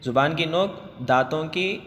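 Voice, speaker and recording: A man teaching children Quran letters with tajweed. He chants each letter slowly and drawn out, then explains it quickly. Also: a little high, a bit bright. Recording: long reverb, faint music.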